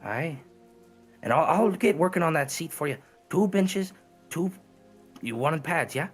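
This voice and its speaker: A man's voice: fairly high pitch, animated, measured pace, husky, voice pushed up. Casting: humble, obliging carpenter played by a man, hammy folksy drawl, tabletop fantasy role-play, faint music underneath. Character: humble working carpenter, married village shopkeeper, folksy and obliging.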